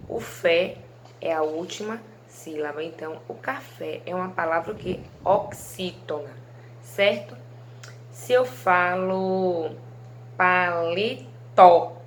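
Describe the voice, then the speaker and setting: A woman's voice: lowish voice, fairly bright tone, a little hiss or hum. A woman teaching a recorded video lesson to young pupils, affectionate, stretching out stressed syllables and checking in often with "né?" and "certo?". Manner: frequent tag questions like "né?" and "certo?". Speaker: primary school teacher.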